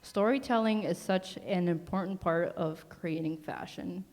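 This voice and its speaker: A woman's voice: lowish voice, measured pace, a little mellow. A woman presenting awards as a fashion show emcee, speaking to a live crowd. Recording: echoey hall, faint crowd noise. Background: crowd and event ambience.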